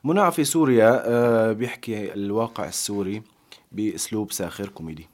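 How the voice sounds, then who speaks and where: A man's voice: fairly low pitch, quick pace, a little mellow. A man with a Syrian Aleppine Arabic accent, speaking as a guest in conversational interview answers. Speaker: guest singer and actor.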